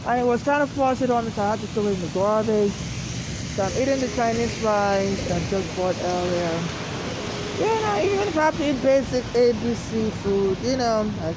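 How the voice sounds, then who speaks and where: A woman from Africa giving a rambling, aggrieved personal monologue, halting and often repeating herself, outdoors in the rain. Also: fairly high pitch. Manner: repetitive, halting and restarting, aggrieved. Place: outdoors on a city street in the rain. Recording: noisy outdoor street with traffic.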